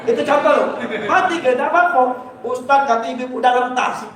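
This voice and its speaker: A man's voice: very high voice, a little fast, crowd noise. A male preacher with a Palembang Malay accent, giving a joking, demonstrative dawn sermon in a mosque and chuckling between his points. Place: mosque hall. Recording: very echoey mosque hall, mic far off.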